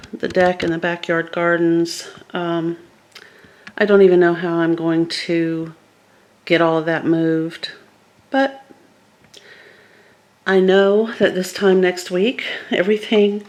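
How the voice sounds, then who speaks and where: A woman's voice: fairly low pitch, darkish tone. A woman chatting casually and informally to her viewers in a rambling home vlog, indoors in a house. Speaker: vlogger. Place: indoors, emptied rooms of a house. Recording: echoey empty room.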